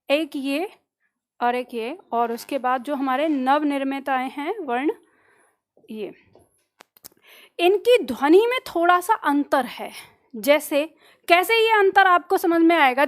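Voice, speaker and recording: A woman teaching an online Hindi lesson, explaining step by step, putting questions to her students and answering them herself. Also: extremely high pitch. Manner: slows down and drags out letter sounds to demonstrate pronunciation. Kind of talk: online exam-prep lesson.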